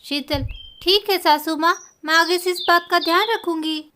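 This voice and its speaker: A polite young village daughter-in-law coaxes and answers respectfully, as a woman plays her. The storybook voice is very high and bright, with a tense edge. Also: normal speed, a little hiss or hum. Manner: respectful and coaxing. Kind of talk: storybook voice acting.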